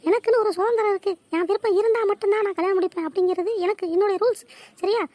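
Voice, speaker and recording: A man's voice: extremely high pitch, fairly even intonation, very fast, darkish tone, dry recording, voice pushed up. A man voicing a defiant young adult son in a cartoon, with a firm manner.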